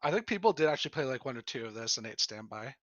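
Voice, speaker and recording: A man reviewing cards in a casual chat, starting haltingly and speaking with dry humor. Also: mid-range voice, sing-song, fairly bright tone, lo-fi sound.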